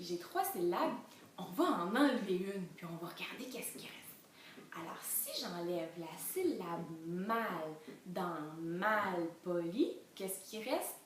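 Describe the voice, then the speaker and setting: A woman with a Quebec French accent, reading a storybook aloud to toddlers in an animated way and spelling out syllables slowly. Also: fairly low pitch. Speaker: children's reading educator. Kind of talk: enriched read-aloud lesson for toddlers. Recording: very echoey room, distant mic, faint noise.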